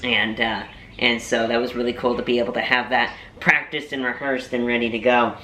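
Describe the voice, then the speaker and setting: A young man talks to camera in a relaxed food-tasting vlog, rambling through stories and self-mocking jokes. His voice is bright and forward. The room lends it a noticeable echo. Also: mid-range voice, a little fast, a little hiss or hum. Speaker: vlogger and voiceover artist. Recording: roomy echo.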